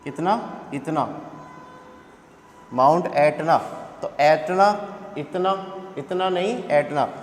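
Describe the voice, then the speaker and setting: A male teacher with a high voice runs an exam coaching lesson, repeating each rhyme and firing quick questions at his students. He sounds as if he is in an echoey room with a long reverb tail. A faint background noise sits under his voice.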